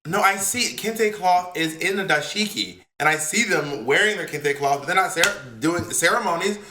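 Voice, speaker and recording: An American man co-hosting a podcast in casual chat, animated and profane, acting out the people he quotes. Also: high voice, moderate pace, background noise. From United States. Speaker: podcast co-host. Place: home in California, remote call. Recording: echoey room.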